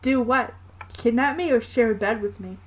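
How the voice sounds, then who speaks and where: A woman's voice: a little high, moderate pace, a little hiss or hum, lightly acted, low-quality recording. A woman voicing a playful, sarcastic young woman in a read-aloud fanfiction, with a teasing delivery.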